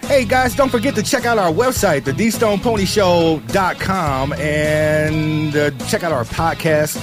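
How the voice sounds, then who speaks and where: A man's voice: a little slow, music in the background. A man hosting a casual radio talk show from Chicago, joking and swinging his voice up and down. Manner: animated, jokey, swoops his pitch up and down.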